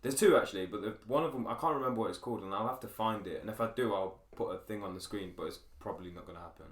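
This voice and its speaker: A young man co-hosting a podcast, telling gaming stories in casual chat, lively, laughing and swearing freely. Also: fairly low pitch, racing. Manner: animated, laughing storyteller who swears freely. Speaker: podcast co-host. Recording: roomy echo.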